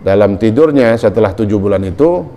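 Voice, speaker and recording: A man's voice: lowish voice, lively intonation, fairly quick, dark tone. A middle-aged man with a Jakarta Betawi accent giving a casual religious lecture, telling a story with sudden emphatic rises. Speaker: Islamic preacher.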